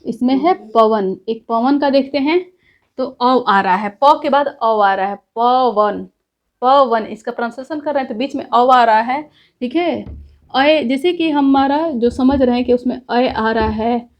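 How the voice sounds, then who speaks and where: A woman teaching a grammar lesson, explaining step by step and checking in often with the class. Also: fairly high pitch.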